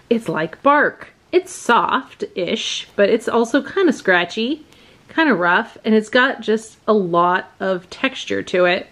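A woman casually showing off her vintage finds at a table at home, chatty and gushing, often trailing off and restarting. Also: medium pitch. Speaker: vintage reseller vlogger. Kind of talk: casual show-and-tell haul narration.

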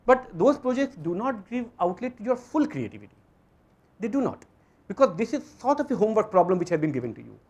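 A man with an Indian accent giving a motivational lecture to students, emphatic, repeating phrases and asking rhetorical questions in a husky voice. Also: high voice, very animated, fast talker, darkish tone, dull audio. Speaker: physics lecturer. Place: auditorium stage.

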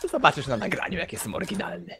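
A man playing an online game with friends, excitable and quick with loud exclamations. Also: high-pitched, a little hiss or hum. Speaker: gaming guest. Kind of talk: casual gaming chat.

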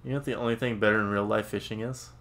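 A man playing a farming game with a friend, joking crudely and making quick asides. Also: lowish voice, steady tone, fairly bright tone. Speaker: gamer. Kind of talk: casual co-op gameplay chat.

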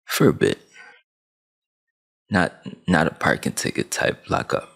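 A man in his twenties, from Sudan and raised in Saudi Arabia, vlogs a preachy big-brother rant to camera with emphatic hand gestures. His extremely low voice is sing-song and measured, with vocal fry, a fairly bright tone and a breathy edge. He's on a headset boom mic in a small, dim room at home, a gaming chair behind him.

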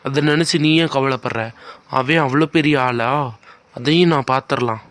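A man's voice: medium pitch, normal speed, a bit bright, dry recording, natural voice. A man voicing a stern father who brushes off his wife's worries curtly. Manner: curt, dismissive. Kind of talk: cartoon voice acting.

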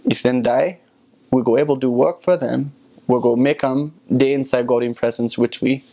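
A man in his twenties speaking Sierra Leone Krio creole, giving an earnest religious testimony in a measured way with pauses. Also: medium pitch, steady tone, warm tone. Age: 20s. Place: small furnished room indoors, by a window.

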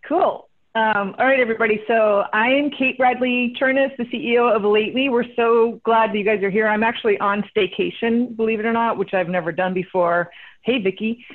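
A woman's voice: a little high, fairly even intonation, fairly quick. A woman hosting a casual live webinar over a video call, bubbly and chatty, with frequent laughs and fillers. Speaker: host and company CEO. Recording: tinny phone-like line.

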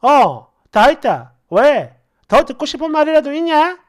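A woman's voice: high-pitched, sing-song, a little slow. Woman voicing a scornful, mocking friend. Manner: harsh, mocking, insulting.

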